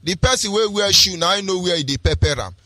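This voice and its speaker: A man's voice: high voice, animated, fairly quick, pushed and bright, no echo. A man with a Nigerian accent, hosting a radio show and preaching in an impassioned, sing-song, rhetorical way. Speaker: radio host.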